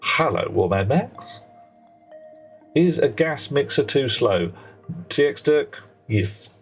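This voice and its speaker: A man with a medium-pitched, lively voice speaks slowly while streaming a game live. He chats with viewers in a rambling way, often correcting himself mid-sentence, as casual gameplay commentary. Faint music and a child playing can be heard in the background.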